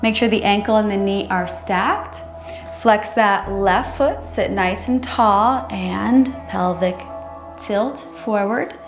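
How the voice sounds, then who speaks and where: A woman instructing a chair yoga class in a careful, unhurried way, gently guiding each movement. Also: medium pitch. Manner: careful, unhurried, measured delivery. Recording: roomy echo, music underneath. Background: music.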